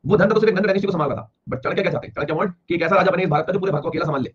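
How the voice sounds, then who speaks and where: A man teaching history in a classroom lecture, explaining rapidly and repeating himself, with an Indian accent. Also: high voice, slightly rough. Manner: rapid, repetitive explaining, slowing to read English lines aloud. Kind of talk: classroom lecture mixing Hindi and English. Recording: dull lo-fi classroom recording with faint ambience.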